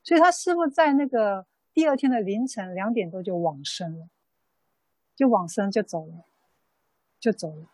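A Buddhist nun giving a dharma talk in an unhurried storytelling way, full of soft fillers. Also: female voice, medium pitch, animated, husky, no room sound, rough recording. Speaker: Buddhist nun teaching a sutra class.

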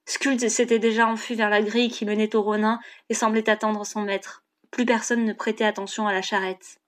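A woman narrating an audiobook chapter in a steady, measured reading. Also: medium pitch.

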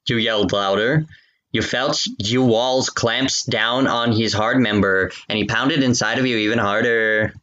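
Reader, male, stumbling, giggly, mid-pitched voice, mock-dramatic read-through. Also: fairly even intonation, a little slow, sharp tone, highs cut off. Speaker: reader of fan fiction for friends. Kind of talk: mock-dramatic reading with laughter.

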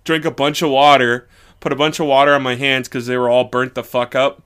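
A man's voice: medium pitch, flat delivery, fairly quick, a bit bright, clean tone. A man co-hosting a podcast in casual chat, crude and joking, swearing freely. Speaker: podcast co-host.

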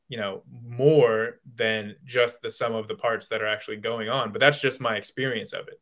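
A man's voice: mid-range voice, pushed and bright. A male guest in a casual call-in debate, explaining his views with lots of hedging and restarts.

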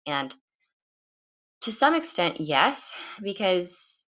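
This American woman hosts a solo podcast from a home setup, musing in an unhurried, loosely rambling way with a sleepy morning voice. Her voice is lowish, very animated and a bit bright, and the sound is lo-fi.

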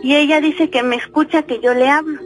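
Female caller, Mexican Spanish, high voice, rambling storyteller, radio line with soft music. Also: fairly even intonation, a little fast. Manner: chatty, many fillers like "este" and "¿no?". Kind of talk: telling a personal story on the phone.

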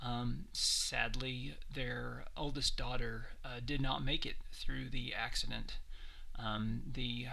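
A man hosts a podcast, speaking earnestly and at a measured pace. His voice is very bright and gravelly, with little rise and fall. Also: mid-range voice, steady tone, rough recording. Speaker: podcast host. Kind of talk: solo host segment.

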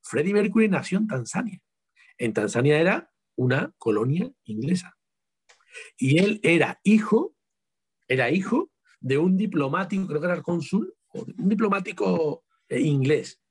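Animated husky Andalusian man. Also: a little high, moderate pace. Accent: Andalusian Spanish. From Seville, Spain. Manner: emphatic, rhetorical questions, repeats words for stress. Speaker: author being interviewed. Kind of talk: casual interview talk.

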